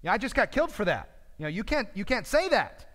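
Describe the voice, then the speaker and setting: Man doing an alarmed young teacher, loud, hurried, high-pitched protest, long church reverb. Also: big pitch swings. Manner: loud, flustered, rapid-fire protest.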